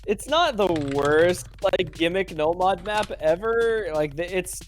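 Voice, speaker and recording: A man's voice: high-pitched, lively intonation, unhurried. A young man with a Massachusetts accent giving casual, laughing esports commentary, full of fillers. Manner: chatty, laughs easily, hedges with fillers. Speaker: tournament commentator.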